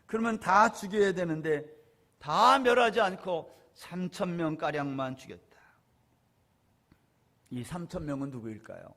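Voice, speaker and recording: A man with a high, light voice preaches a Sunday sermon. He asks his listeners questions and swings between loud, stressed phrases and soft, low asides. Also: expressive, unhurried, pauses often. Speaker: pastor.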